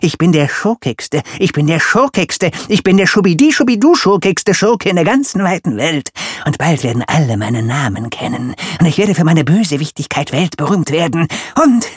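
A man doing a grumpy storybook villain who rants and brags about being evil. The voice sits high and loud, with a dry, close sound and lively swings in pitch. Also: moderate pace, hardly any pauses, husky, no room sound. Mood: boastful villain. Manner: ranting, shouty, dramatic. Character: grumpy self-declared villain, man, boastful.

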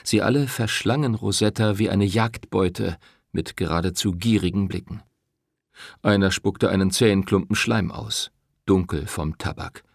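A man narrating an audiobook with expressive storytelling. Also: sits low, normal speed, gravelly, no echo, clean studio sound.

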